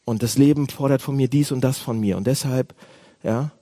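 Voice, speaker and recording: A man preaching a sermon as a pastor, animated, swinging between loud outbursts and hushed asides. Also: medium pitch, moderate pace.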